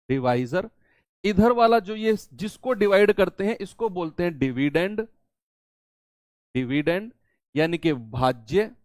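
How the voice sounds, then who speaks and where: Guy teaching maths in a high voice, keeps asking questions and answering them himself, dry close sound. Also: no room sound. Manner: repeats key terms in two languages, asks and answers his own questions. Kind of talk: classroom-style maths lesson.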